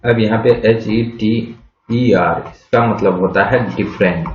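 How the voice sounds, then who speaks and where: A man teaching English vocabulary in a slow classroom explanation, spelling words out letter by letter and asking rhetorical questions before answering them. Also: on the low side. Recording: echoey, dull lo-fi room sound.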